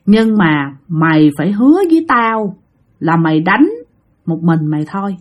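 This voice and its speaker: Woman putting on a deep, threatening ghost woman. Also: lively intonation, moderate pace, lo-fi sound. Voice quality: deep, growling voice. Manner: threatening, commanding. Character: menacing female ghost risen from a grave.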